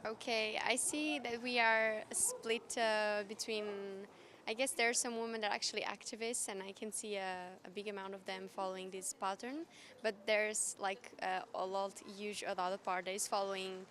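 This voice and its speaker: A young woman from Portugal answering a street interview outdoors, thoughtful and halting. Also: mid-range voice, fairly even intonation, a bit bright, slight background noise.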